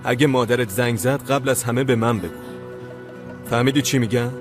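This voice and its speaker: An actor voicing a caring young man who talks gently and with concern, and turns urgent. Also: mid-range voice, music in the background, close to an everyday voice. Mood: gentle. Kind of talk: TV drama dub.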